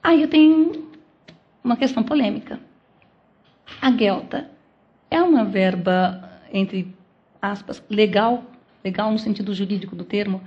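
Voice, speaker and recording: A woman with a Brazilian accent delivers an academic lecture at a medium pitch, working through each point with questions she then answers herself. The recording is dull and lo-fi, like a captured lecture hall talk. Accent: Brazilian Portuguese. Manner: explains step by step with rhetorical questions. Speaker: law lecturer.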